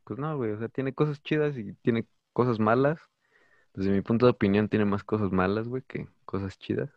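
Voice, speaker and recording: A laid-back man with a Mexican Spanish accent chats in easy slang. His low voice is gravelly. The recording is dull and lo-fi, dry with no room sound. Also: fairly quick, dry recording. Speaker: podcast co-host. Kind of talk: casual chat.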